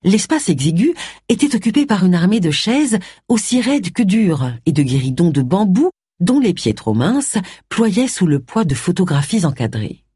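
A woman narrating a novel in a measured, expressive reading. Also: fairly low pitch, husky, dry recording, clean studio sound. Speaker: audiobook narrator. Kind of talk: scripted narration.

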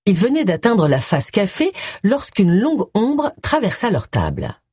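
An audiobook reader doing scripted narration with an expressive, lively delivery. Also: medium pitch, a little slow, husky, no echo, clean studio sound.

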